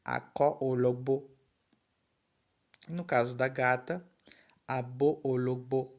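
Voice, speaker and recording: A man teaching a language lesson, slow and patient, saying each word twice. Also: medium pitch, a little mellow.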